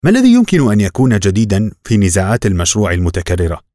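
A man narrating a novel as an audiobook in a measured, even reading. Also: fairly low pitch, dry recording, studio quality.

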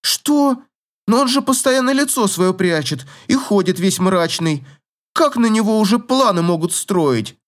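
A man's voice: high voice, normal speed, pitched above the performer's own voice, close to an everyday voice. A man voicing a proud, indignant young noblewoman in an audiobook, with huffing, squealing protests. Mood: incredulous. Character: haughty proud young noblewoman, quick to huff.

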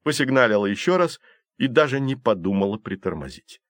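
A man's voice: medium pitch, sing-song, a little fast, no echo. Man reading a story, dry voice. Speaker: audiobook narrator. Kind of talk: scripted narration.

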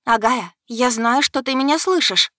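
A woman voicing a bold, defiant young human girl who shouts at a goddess. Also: a little high, normal speed, dry recording, clean studio sound, pitched above the performer's own voice, natural voice. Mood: defiant shouting.

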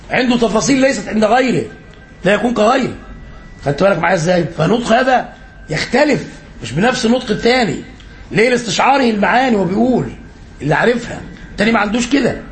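A man with an Egyptian accent teaching an Islamic lesson as a sheikh, quizzing his listeners and repeating phrases for emphasis. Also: high voice. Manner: quizzing listeners and filling in answers.

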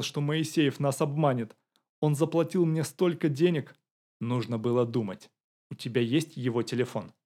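A man's voice: fairly high pitch, warm tone, pitched above the performer's own voice, natural voice. A man reading an audiobook, voicing a nervous young man who whines and defends himself. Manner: whining, defensive. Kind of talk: audiobook character voice.

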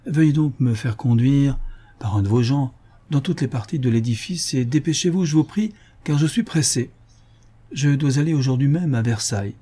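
A man's voice: mid-range voice, normal speed, warm tone, breathy edge, pitched above the performer's own voice, close to an everyday voice. A man reading aloud and voicing a brusque, impatient soldier-tsar in a raised voice. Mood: impatient, commanding. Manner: curt, commanding, impatient.

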